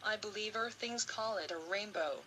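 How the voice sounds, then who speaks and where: A woman playing a bright-voiced alien explainer. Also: medium pitch, normal speed, slight background noise, natural voice, rough recording. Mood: informative. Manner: earnest, explanatory. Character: curious alien visitor explaining rainbows. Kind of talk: amateur skit narration.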